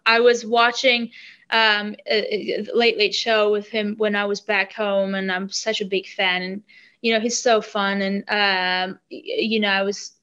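A young woman from Armenia, a singer whose first language is Armenian, talks hesitantly about her songwriting in a casual interview, restarting sentences while searching for words. Her voice is mid-range and a bit bright, and the audio is dull.

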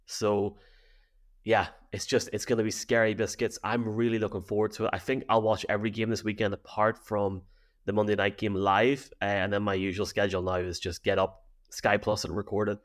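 A man with an Irish accent co-hosting a sports podcast, chatting in an animated, jokey way full of slang. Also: on the low side, a little fast. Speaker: podcast co-host. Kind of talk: casual sports podcast chat.

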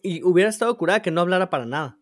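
A man's voice: high-pitched, animated, racing, a bit bright, no room sound, studio quality. A man hosting a podcast chat, laughing often and pushing the talk along. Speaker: podcast host steering the segments. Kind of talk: casual chat.

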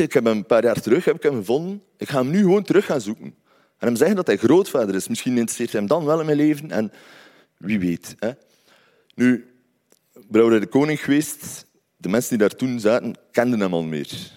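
A man's voice: mid-range voice, darkish tone. Flemish man telling his life story. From Belgium. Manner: conversational, often adds tag questions. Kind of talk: personal storytelling.

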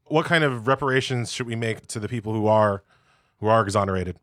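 A man's voice: lowish voice, a little fast, a bit bright, no room sound, studio quality. A male interview host asking careful questions, rephrasing as he goes.

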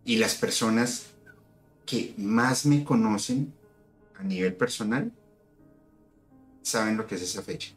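A man's voice: fairly low pitch, slow, long pauses. A man telling a story in casual conversation, recounting events in detail and acting out the dialogue. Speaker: guest. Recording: echoey room with soft music.

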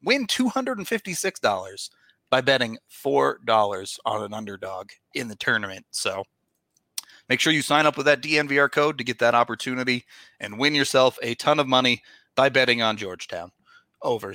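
Man reading a fast legal disclaimer, bright voice. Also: mid-range voice, sing-song, no echo, studio quality. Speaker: sports podcast host.

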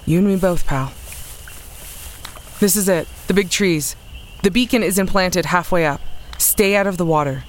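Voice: mid-range voice, normal speed, long pauses, a little hiss or hum, close to an everyday voice. An actor playing a tough, practical scout guiding others through the woods at night, speaking in blunt, clipped lines. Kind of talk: audio drama acting.

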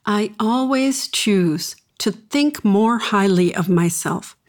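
Female radio host. Slow, soothing delivery, gentle and encouraging. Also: mid-range voice, lively intonation. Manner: slow, soothing, repeats affirmations. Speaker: radio host and intuitive consultant. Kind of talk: guided affirmations and call-in advice.

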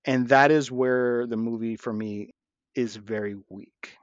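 A man's voice: medium pitch, fairly even intonation, unhurried, no echo. Male podcast co-host, braces lisp, opinionated casual film talk, dry and slightly muffled sound. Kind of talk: casual film review chat.

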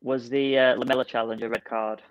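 A man's voice: medium pitch, flat delivery, brisk, clear, resonant tone, dry recording. A man co-hosting a casual football chat over a video call. He gives his opinions point by point and keeps saying "for me.". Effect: heard over a video call. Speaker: podcast co-host. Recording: dull, dry lo-fi call audio.

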